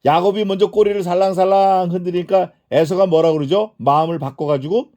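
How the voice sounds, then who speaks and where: A man's voice: high voice, fairly even intonation, fairly quick, mellow, dull audio. A middle-aged man preaching an expository sermon as pastor, asking the congregation questions and answering them himself, and acting out quoted prayers. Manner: acts out quoted prayers and speech.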